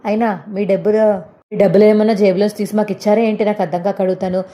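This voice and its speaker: A woman's voice: mid-range voice, flat delivery, fast talker, mellow, natural voice. Woman voicing a defiant young wife. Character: defiant young wife standing her ground.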